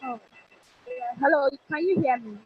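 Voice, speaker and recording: A woman's voice: sits high, normal speed. Woman on a faint, glitchy call. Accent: Ghanaian English. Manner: hesitant, with many fillers. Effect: faint, choppy, breaking-up internet call audio. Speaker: community member on a group call. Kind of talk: online meeting chat. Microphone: computer or phone on a video call. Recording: muffled lo-fi call with faint hiss.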